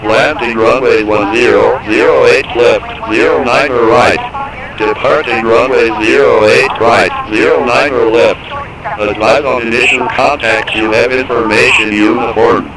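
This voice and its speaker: Flat automated airport weather broadcast. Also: male voice, mid-range voice, measured pace, over a noisy crowd, rough recording. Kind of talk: monotone recorded information readout.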